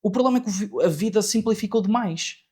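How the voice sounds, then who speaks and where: A man's voice: high voice, fast talker, darkish tone, slightly rough. A man in his forties with a European Portuguese accent, hosting a podcast and pressing his points with questions. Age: 40s. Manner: questioning, emphatic. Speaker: podcast host. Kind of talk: casual chat.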